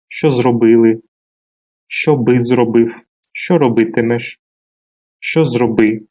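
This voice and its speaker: Man, language teacher, formal and measured, lesson delivery, word pairs read slowly. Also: mid-range voice, a little mellow. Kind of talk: video lesson on grammar terms.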